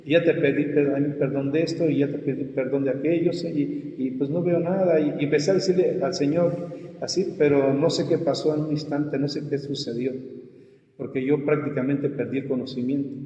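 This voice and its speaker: A male pastor telling his testimony in a conversation, acting out the voices of the people in his story. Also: mid-range voice. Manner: animated storyteller, acts out his own cries and quoted voices. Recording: muffled, echoey room with long reverb.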